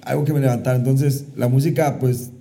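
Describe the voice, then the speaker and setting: Dark-voiced drawling man. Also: medium pitch, steady tone, fairly quick, vocal fry, a little hiss or hum. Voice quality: drawling delivery. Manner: earnest, reflective, explains at length. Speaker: musician guest. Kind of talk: casual podcast chat.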